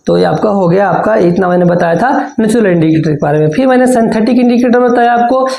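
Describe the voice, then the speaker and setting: Male science teacher, gravelly and dark, asks his own questions as he teaches, in a roomy space. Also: high voice, fast, a little hiss or hum. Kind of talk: exam-prep lesson.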